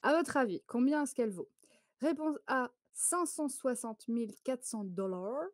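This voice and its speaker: A woman's voice: on the high side, expressive, a little slow, dry recording, studio quality. A woman from France hosting a photo quiz on a live stream, chatty and laughing often as she greets viewers.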